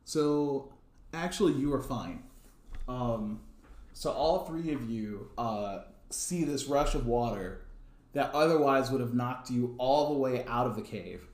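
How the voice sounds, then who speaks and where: A man running a tabletop game as dungeon master, narrating in a relaxed, halting way with many fillers. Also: medium pitch, reverberant.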